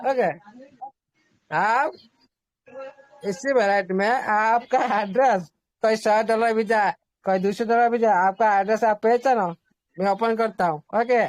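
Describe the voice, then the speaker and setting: A man with a very high voice hosts an online group meeting, speaking unhurriedly with long pauses. He explains things casually, repeats himself, reassures his listeners, and mixes in English terms.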